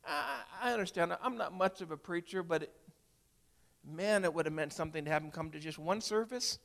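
Gravelly older man preaching a testimony. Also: sits high, a little fast. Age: 60s. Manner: heartfelt, storytelling, swings from hushed to loud. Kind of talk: emotional sermon testimony.

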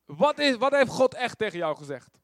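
A man's voice: on the high side, lively intonation, normal speed, no room sound, clean studio sound. A man preaching acts out a biblical king who urgently demands to be told the truth. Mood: demanding. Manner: urgent, insistent.

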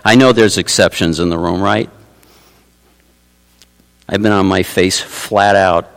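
A man preaching a sermon as pastor, swinging from hushed asides to loud exclamations. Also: low-pitched, steady tone, a little slow, vocal fry, clean tone. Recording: long reverb of a large hall.

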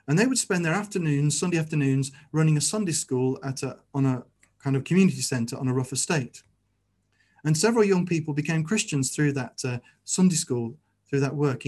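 A man's voice: mid-range voice, darkish tone. A man preaching a sermon as a pastor, earnest and fond of rhetorical tag questions.

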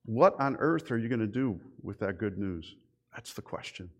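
A middle-aged man preaching a sermon as a pastor. He tells lively stories and keeps asking his listeners rhetorical questions. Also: lowish voice, moderate pace. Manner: animated storytelling with rhetorical questions.

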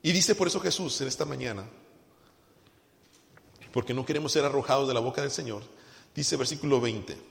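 A man preaching a sermon, asking the congregation questions and swinging from loud emphasis to quiet. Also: mid-range voice, a little fast, creaky, pauses often. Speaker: pastor. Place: church hall. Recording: long reverb of a church hall.

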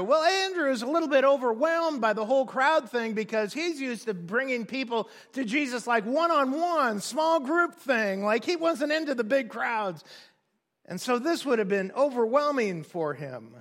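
A man preaching a sermon, chatty and animated, and his voice sits very high for a man. His words ring out with a long reverb, as in a church sanctuary. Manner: conversational and animated, with laughs and asides. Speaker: pastor.

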